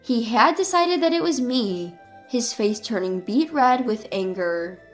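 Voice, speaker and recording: A woman in her twenties reads a scripted first-person story in a measured, even delivery. Her voice sits fairly high. Soft music runs quietly beneath her. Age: 20s. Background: faint music.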